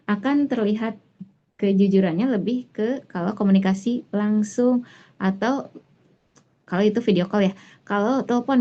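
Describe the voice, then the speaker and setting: Woman tutor explaining patiently, muffled audio. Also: mid-range voice. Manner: patient, explanatory, many fillers and restarts. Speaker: online tutor. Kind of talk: online class explanation. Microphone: online class recording. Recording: muffled lo-fi online class audio.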